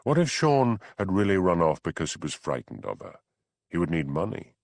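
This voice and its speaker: A man narrating an audiobook in an expressive, dramatic reading. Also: low voice, normal speed, no echo. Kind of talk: scripted narration.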